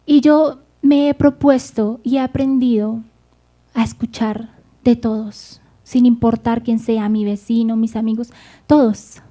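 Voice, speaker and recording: A woman's voice: a little high, fairly even intonation, a little slow, mellow. A woman preaching a sermon, speaking fervently and addressing the congregation directly.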